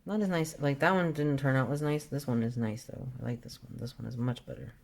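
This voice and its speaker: With a bass voice, vocal fry and a slightly quick pace, a woman in her forties chats casually as she draws for her art vlog. She talks herself through the colors in a relaxed way, trailing off partway through sentences.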